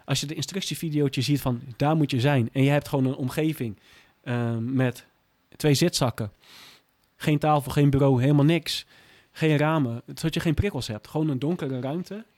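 A man's voice: medium pitch, moderate pace, darkish tone, no room sound. A man in a candid interview who speaks bluntly and plainly and often swears. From Groningen. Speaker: guest, former police officer.

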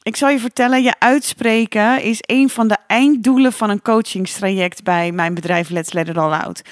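A woman hosting a solo podcast as a coach, talking in a calm, reflective and encouraging way with the odd filler sound. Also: medium pitch, moderate pace, no echo, studio quality.

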